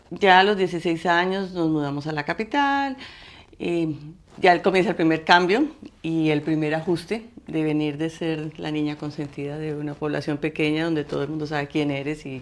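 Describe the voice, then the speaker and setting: Middle-aged woman from Colombia, low and gravelly, hesitant interview guest. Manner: halting, many restarts and fillers. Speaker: guest artist. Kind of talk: interview conversation.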